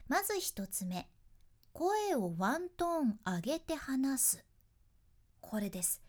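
Lively woman with a lilt. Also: on the high side. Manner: lively, friendly teaching tone with demonstrations. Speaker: speaking coach, freelance announcer. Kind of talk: instructional talk to camera.

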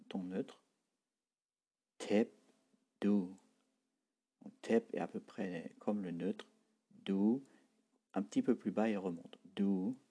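A man's voice: on the low side, mellow, breathy edge. A man teaching a spoken language lesson, saying words and tones one by one, repeating them, and patiently explaining how to pronounce them.

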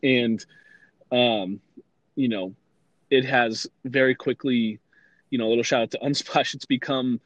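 Man, mid-pitch, relaxed podcast guest; loose, filler-heavy talk, dry recording. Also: a little slow, pauses often, dry recording, highs cut off. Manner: easygoing, rambling, many fillers. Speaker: guest, brand consultant and content creator. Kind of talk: casual interview chat.

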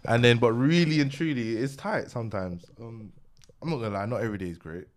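A man's voice: medium pitch, a little fast. A young man with a London roadman accent chatting casually as a podcast guest, laid-back and slangy, often asking if he is understood. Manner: laid-back, often adds "you know what I mean".

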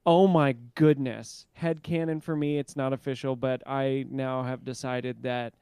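A man's voice: medium pitch, little pitch movement, unhurried, warm tone, clear, resonant tone, dry recording. A man co-hosting with playful, casual banter, riffing on ideas. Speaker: podcast co-host.

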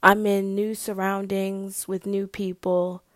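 A young woman talking to the camera in a personal video diary, hesitant and halting, sometimes dropping to a soft whisper. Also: medium pitch, level tone, no room sound, clean studio sound. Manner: hesitant, halting, full of fillers; drops to a soft whisper at times. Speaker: vlogger.

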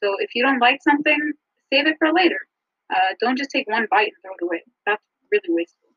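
A woman co-hosting a podcast in a casual, scripted chat with frequent ums, recorded over a low-quality phone line. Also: expressive, fast talker, husky, dry recording. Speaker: podcast co-host. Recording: muffled dry phone-line audio.

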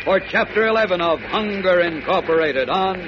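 A man's voice: high-pitched, expressive, moderate pace, muffled recording. A man announcing and narrating an old radio serial in an urgent, theatrical, suspenseful style. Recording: scratchy old radio broadcast, music behind.

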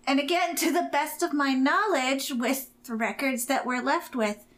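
A woman's voice: sits high, fairly even intonation, moderate pace. A woman co-hosting a casual true-crime podcast, reading from her notes with giggly asides. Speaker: podcast co-host presenting the research.

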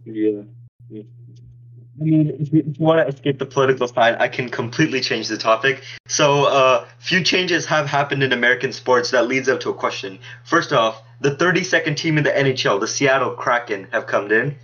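A man's voice: mid-range voice, fairly quick, fairly bright tone. Muffled man, like talking into a fan. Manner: loose, rambling with fillers. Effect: muffled, as if talking into a pillow or a fan. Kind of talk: casual sports chat. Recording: dull, muffled lo-fi mic.

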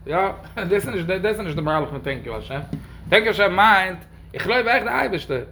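A man's voice: sits high, lively intonation, fairly quick, pushed and bright, a little hiss or hum. A man giving a religious question-and-answer talk, speaking emphatically with sudden raised stresses.

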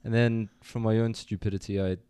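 A young man born in New Zealand, a student guest telling his story in a relaxed, easygoing way on an interview podcast. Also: lowish voice, brisk, clean tone, no room sound. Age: young adult. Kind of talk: casual interview.

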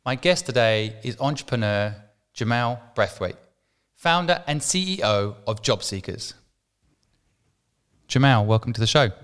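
Smooth-voiced man hosting a podcast. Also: mid-range voice, lively intonation, a little slow, long pauses, fairly bright tone. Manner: stumbling, repeats words when asking. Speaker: podcast host. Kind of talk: casual interview talk.

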